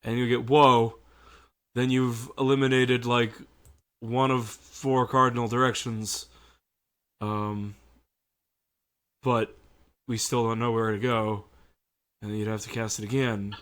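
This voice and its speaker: Smooth-voiced man reasoning out game rules. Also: medium pitch, little pitch movement, a little slow, long pauses, a bit bright. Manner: reasoning things out, repeats words. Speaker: player. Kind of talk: casual game table chat.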